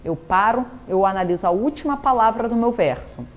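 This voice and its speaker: A woman's voice: mid-range voice, lively intonation, fairly quick. Brazilian woman teaching literature. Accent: Brazilian Portuguese. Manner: explanatory, rhetorical questions, frequent "né?" tag. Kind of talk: recorded classroom lesson.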